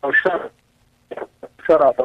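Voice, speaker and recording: A male caller to a radio talk show who gives short, clipped replies while his phone connection keeps breaking up. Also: slow pace. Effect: phone call breaking up, voice cutting in and out. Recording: muffled, dropping-out phone line.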